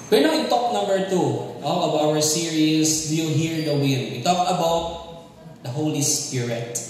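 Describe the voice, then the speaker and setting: A man's voice: a little high, a little hiss or hum. A man with a Cebuano Filipino accent preaching a sermon, mixing English with local words and calling on the congregation to respond. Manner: mixes English and local words, often asks the crowd for responses. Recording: echoey hall with long reverb, from far off the mic.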